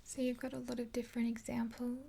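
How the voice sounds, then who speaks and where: A woman in her twenties, an ASMR creator cast as a makeup artist friend, whispers fast in a fairly high, breathy voice with a warm tone and completely flat delivery, though still soothing and hesitant. She speaks close to the mic and faces the camera in a small indoor room with a dark backdrop. It's a one-sided roleplay chat with the listener, with slight background noise.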